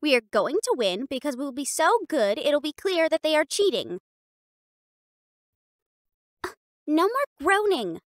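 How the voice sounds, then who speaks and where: In this scripted roleplay take, a woman's high, girlish catgirl cheerleader captain is loud and bossy, punching out sassy mean-girl lines. She speaks a little slowly, leaving long pauses and swinging widely in pitch, with a dry, echo-free sound and no room around her.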